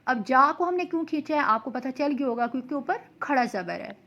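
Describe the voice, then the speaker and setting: A young woman patiently explaining tajweed pronunciation and reciting slow examples as a Quran recitation teacher. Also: high voice, lively intonation, a bit bright, dull audio. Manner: patient and explanatory, often checks in with "okay".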